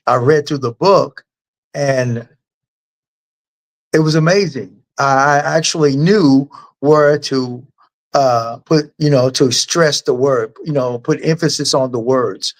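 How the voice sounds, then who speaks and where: A man, a guest author, answering interview questions in a rambling, halting and earnest way. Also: mid-range voice.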